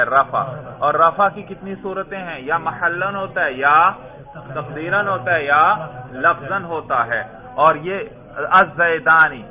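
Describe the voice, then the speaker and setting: A man teaching a grammar lesson to students, asking them questions and patiently repeating each point. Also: on the high side. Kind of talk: classroom lesson. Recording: tinny phone-like recording.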